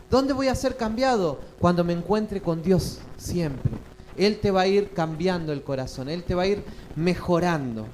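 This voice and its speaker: A man's voice: sits high, a little hiss or hum, poor audio. A male pastor, preaching a sermon and often asking the congregation questions. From Chile. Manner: asks the congregation frequent questions.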